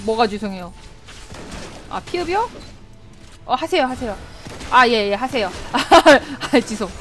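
A woman streaming a game live, excitable, often shouting and laughing and answering her chat. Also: fairly high pitch, a little slow. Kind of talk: live gameplay commentary. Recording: game music playing clearly behind. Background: game music.

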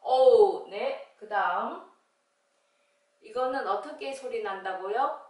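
Slow, echoey woman teaching phonics. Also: on the high side, expressive, fairly bright tone, distant mic. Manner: slow, drawn-out sounding of letters, cheerful greetings. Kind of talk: children's phonics lesson.

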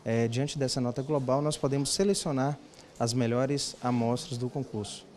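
A man in his thirties explains things patiently in a mid-pitched voice, with frequent fillers. He speaks into a handheld mic in an indoor room. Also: steady tone, moderate pace, a little mellow. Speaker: agronomist interviewee. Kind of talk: interview answer. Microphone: handheld reporter mic.

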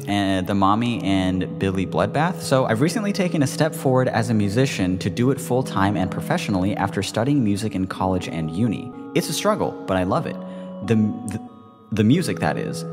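A man co-hosting a podcast in casual chat, joking, swearing and mocking himself. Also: fairly low pitch. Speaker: podcast co-host.

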